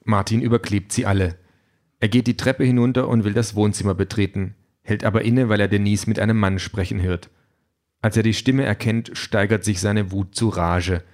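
Low-voiced male audiobook narrator. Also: fairly even intonation, moderate pace, darkish tone.

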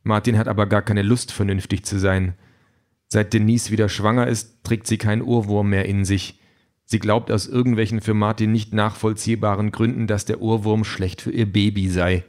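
A male narrator reads a story in a steady, dry tone. His voice sits a little low, and he keeps an even, unhurried delivery. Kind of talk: audiobook narration.

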